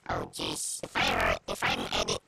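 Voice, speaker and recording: A man talking casually and nervously through a voice changer that distorts him into a very deep, gravelly electronic voice. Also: wildly swooping pitch, normal speed, pushed and bright, exaggerated voice. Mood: unsure. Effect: voice changer, pitched far down. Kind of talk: casual vlog talk.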